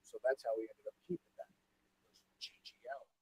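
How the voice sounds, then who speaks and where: A man's voice: mid-range voice, huge pitch swings, quick pace, gravelly, darkish tone, breathy edge. A man chatting casually on a podcast, his voice breaking up through a faulty mic that keeps cutting out with interference. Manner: laid-back, swears freely. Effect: faulty mic cutting out with crackling interference. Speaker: podcast co-host, former wrestler. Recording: dropouts from a faulty mic, heard from further off.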